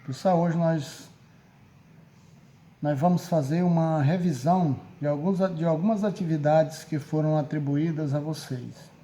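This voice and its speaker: A Brazilian teacher gives a recorded grammar lesson in Brazilian Portuguese, patient and repetitive, frequently checking with "certo?" that students follow. His voice is high for a man yet soft and mellow, and he speaks unhurriedly.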